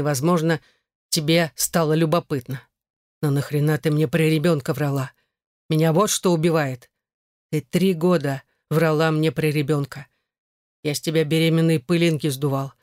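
A gruff, resentful husband in an audiobook, as the narrator reads him. He speaks at about the reader's own pitch. The recording is dry and close. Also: a little mellow, no echo, lightly acted. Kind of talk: audiobook character voice.

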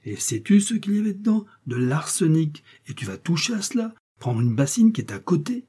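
A man's voice: mid-range voice, normal speed, dark tone, slightly rough, close to an everyday voice. A man reading aloud and voicing a pompous, fussy village apothecary in an indignant rant. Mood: accusing. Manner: indignant ranting tirade, exclamatory.

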